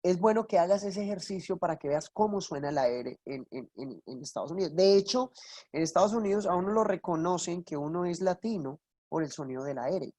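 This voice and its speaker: A woman teaching an online English class, coaxing her students and explaining pronunciation step by step with plenty of examples. Her voice sits fairly low and sounds close and dry, with no room around it. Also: expressive, brisk, warm tone, no room sound. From Colombia.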